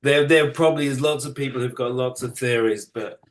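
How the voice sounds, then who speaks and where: Speaking briskly in a mid-range voice, this middle-aged British man appears as an interview guest; he works as an energy practitioner and massage therapist. He talks casually, explaining matters plainly and with self-deprecation.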